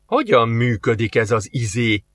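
A man's voice: medium pitch, sing-song, fairly bright tone, dry recording. A man voicing a wary, grumbling male sergeant in an audiobook, muttering his complaints in a dry, close recording. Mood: indignant.

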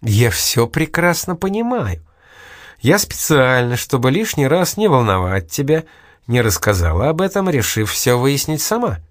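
A man reading aloud and voicing a sly, stubborn young woman, raising his pitch in a coaxing, teasing manner. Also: big pitch swings, moderate pace, no room sound, studio quality, close to an everyday voice.

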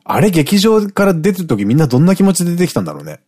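A man's voice: on the high side, wildly swooping pitch, rapid-fire, warm tone, breathy edge. A middle-aged man co-hosting a radio show, chatting casually, laughing often and rambling off into asides.

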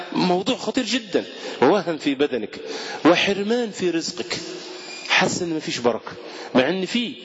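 A man's voice: a little high, a little hiss or hum. A man with an Egyptian Arabic accent giving a fervent Ramadan sermon as a sheikh, repeating words for emphasis. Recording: dull lo-fi recording.

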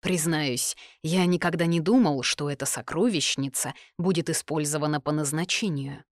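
A woman reading the lines of a formal, ceremonious male high judge. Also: normal speed, no echo, clean studio sound, lightly acted. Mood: explaining.

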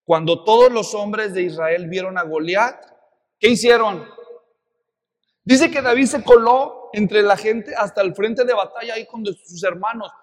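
A man with a Mexican accent preaching a sermon, telling a Bible story in a lively way with many rhetorical questions. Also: high voice, unhurried, long reverb tail. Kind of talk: expository sermon.

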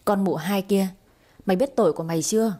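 Woman putting on a vengeful old man's ghost in a storybook, booming, menacing, mellow and husky. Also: quick pace, close to an everyday voice. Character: vengeful ghost of old man speaking through a girl.

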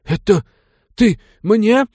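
A man voicing an arrogant, hot-tempered young nobleman among cossacks, shouting sneering insults in an audiobook. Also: on the high side, lively intonation, normal speed, no echo, studio quality, voice pushed up, lightly acted. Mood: furious.

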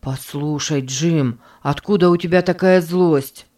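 A woman voicing an earnest, loyal boy who pleads softly and sincerely. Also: sits low, measured pace, recorded from a distance. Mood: pleading.

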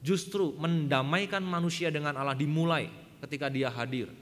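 A man's voice: fairly high pitch, moderate pace, in a large hall, a little hiss or hum. A man preaching a sermon, emphatic and often addressing the congregation directly, telling a story. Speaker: pastor. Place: church hall.

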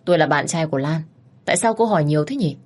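A woman's voice: low voice, animated, fast, darkish tone. A woman reading as a worried devoted boyfriend. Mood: impatient. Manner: urgent, pleading questions. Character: young man, devoted worried boyfriend, company director.

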